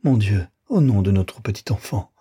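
A man's voice: fairly low pitch, expressive, moderate pace, mellow, slightly rough, dry recording, clean studio sound. Rosanette, a man voicing an emotional young mistress. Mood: pleading. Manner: alternately indignant, mocking and pleading. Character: young woman, a kept mistress, emotional and pleading.

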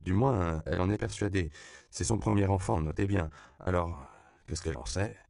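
A man's voice: sits low, moderate pace, gravelly, a little mellow, no room sound. A man voicing a skeptical, dry-witted old woman passenger.

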